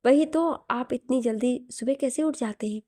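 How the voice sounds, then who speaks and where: A woman's voice: high voice, normal speed, dark tone, no echo, clean studio sound. A woman voicing a drowsy young wife who complains in a sleepy, sulky way in an audio story.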